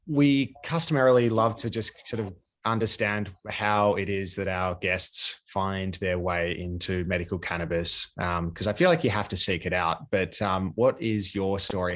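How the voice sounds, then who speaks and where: A man's voice: deep voice, steady tone, normal speed, fairly bright tone. A man hosting a podcast, greeting listeners and asking loose, rambling questions with ums. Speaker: podcast host. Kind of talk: casual interview hosting.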